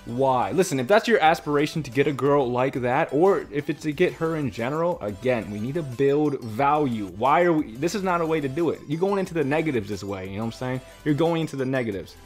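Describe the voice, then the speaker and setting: A man's voice: medium pitch, animated, brisk, hardly any pauses, soft background music. A young man reading comments aloud and ranting about them in casual commentary, exasperated and lecturing, often repeating himself.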